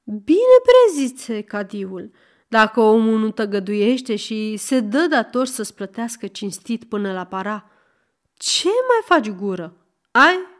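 A woman's voice: a little high, sing-song. Woman doing an exasperated old judge. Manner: shouting, questioning, exasperated. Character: stern weary old male judge.

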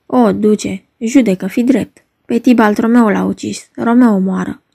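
A woman's voice: mid-range voice, fairly even intonation, gravelly, warm tone, slightly rough, no room sound, clean studio sound. A woman reading the part of a noble lady lamenting her slain nephew and demanding vengeance. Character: noble mother, shrill in grief, vengeful. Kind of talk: dramatic reading of a play.

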